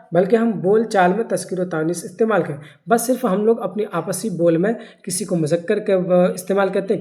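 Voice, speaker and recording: A teacher explains a grammar lesson at a steady, medium pitch. The teacher keeps putting questions to the listeners and answering them right away, then says the key words again slowly so they stick. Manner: asks the class questions and answers them himself.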